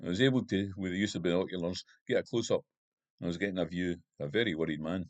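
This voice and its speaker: Deep-voiced man reading his novel. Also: dry recording. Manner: steady, measured storytelling. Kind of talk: first-person novel reading.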